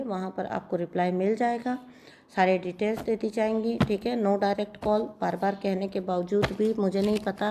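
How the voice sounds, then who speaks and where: A woman tarot reader and healer chatting casually with her viewers, giggling often, her voice starting to go hoarse. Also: medium pitch, mellow, a little hiss or hum. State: voice going hoarse.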